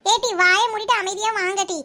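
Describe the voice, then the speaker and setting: A shrill, very high-pitched cartoon village aunty, talking in broad Kanyakumari Tamil. She scolds and fusses bluntly, like a nosy neighbour in a comic cartoon. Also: steady tone, fairly quick, pushed and bright. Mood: grumbling. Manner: blunt, scolding, dialect-heavy. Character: chatty village woman, Geetha akka. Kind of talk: cartoon voice acting.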